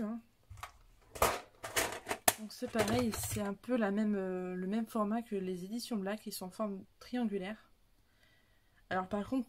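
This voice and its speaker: A woman's voice: mid-range voice, a little mellow. A young woman, chatting casually about her coloring supplies, rambling with many fillers and restarts. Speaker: coloring hobby vlogger. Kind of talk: casual chat showing supplies.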